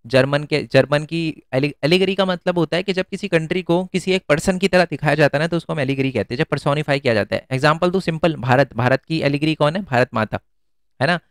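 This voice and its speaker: Chatty teacher, crisp close voice. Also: male voice, fairly high pitch, fairly quick, no echo. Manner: chatty, asks the class questions and answers them himself. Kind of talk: exam-prep lesson in casual Hinglish.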